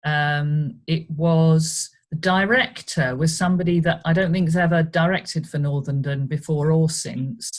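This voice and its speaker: A woman's voice: sits low, steady tone, a little slow, hardly any pauses. An older woman, a guest on a video call, recalling her amateur acting days in a reflective, storytelling way. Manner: reflective storytelling, light laughs. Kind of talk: casual interview.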